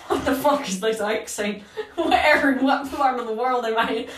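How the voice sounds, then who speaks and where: A woman's voice: high-pitched, measured pace, a bit bright, a little hiss or hum. A young woman hosting a casual podcast, rambling and joking through her notes with frequent swearing. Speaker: podcast host. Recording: echoey room, mic at a distance.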